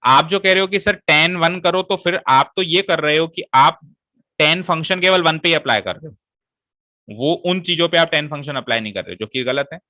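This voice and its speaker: Male maths teacher, bright forceful voice, walks students through each step, dry close recording. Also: on the high side, moderate pace, dry recording, low-quality recording. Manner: explains step by step and checks with students. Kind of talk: classroom maths lesson.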